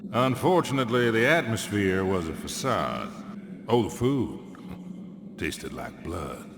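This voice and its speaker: A man's voice: fairly low pitch, very animated, a little slow, a bit bright, exaggerated voice. An actor playing a lonely older assassin in a video game, brooding and theatrical, resigned to his hunger for blood. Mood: bitter, melancholy. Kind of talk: dramatic video game acting. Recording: long stadium-like reverb with crowd noise.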